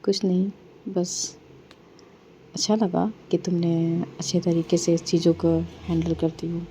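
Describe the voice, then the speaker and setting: A woman's voice: lowish voice, flat delivery, measured pace, warm tone, slight background noise. A woman voicing a shy, cautious young woman who answers hesitantly. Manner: hesitant, reserved.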